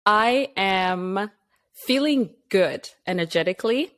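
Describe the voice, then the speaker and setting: A Zimbabwean woman appears as a podcast guest, friendly, chatty and quick to laugh, though she sounds a little tired in the casual interview. Her mid-range voice is expressive and a bit bright, and she takes her time speaking.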